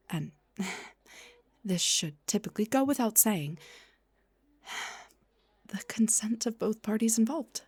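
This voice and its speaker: Heavily acted and whispery, a woman's mid-range, breathy voice plays a refined, gentle vampire doctor in a soft-spoken roleplay, with no room sound. Her manner is courteous and a little hesitant.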